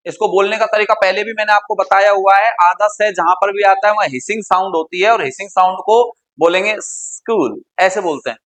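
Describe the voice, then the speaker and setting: Male grammar teacher from India, high bright voice, keeps quizzing the class. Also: fast talker, hardly any pauses, low-quality recording. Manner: quizzing students with repeated questions. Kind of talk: classroom lecture.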